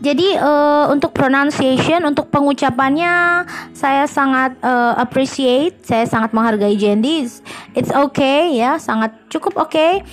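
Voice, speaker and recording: Higher-voiced woman teacher, patient explanations. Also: soft background music. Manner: measured, explanatory, with frequent hesitant fillers. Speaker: English teacher and podcast host. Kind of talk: podcast lesson reviewing student recordings.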